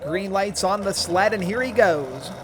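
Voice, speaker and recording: This tractor pull announcer's voice sits high, with lively intonation and a measured pace, as he introduces drivers and announces runs and distances. Loud engine and vehicle noise dominates the recording.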